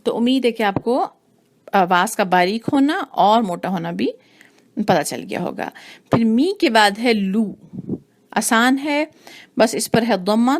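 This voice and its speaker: A woman teaching Quran recitation rules, explaining slowly and repeating each sound to demonstrate it. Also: a little high. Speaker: tajweed teacher. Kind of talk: patient recitation lesson.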